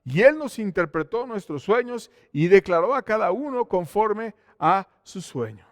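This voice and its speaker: A pastor delivers an emphatic sermon in a fairly high voice for a man. He rises to loud exclamations, then drops to hushed, intimate asides. The sound is close and dry. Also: big pitch swings, measured pace, no room sound. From Mexico. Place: church.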